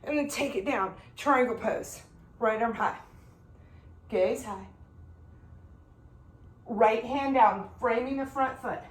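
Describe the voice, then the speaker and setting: A woman teaching yoga speaks slowly in a voice on the high side, pausing often, and the sound is roomy. She calls out flow poses with calm, directive cues, sometimes a bit winded as she moves.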